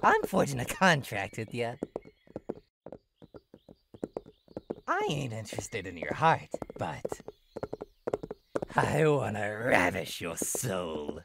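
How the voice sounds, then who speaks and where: A flirty, possessive demon jester from a horror game. The delivery is theatrical and hugely animated, sliding between singsong teasing and sinister purrs at an unhurried pace. There is clear noise behind the voice. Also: female voice, a bass voice, full character voice. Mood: seductive, menacing. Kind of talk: visual novel horror game character acting.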